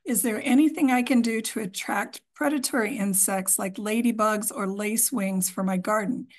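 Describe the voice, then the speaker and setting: Woman moderator reading questions slowly. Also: medium pitch. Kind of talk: reading audience questions aloud.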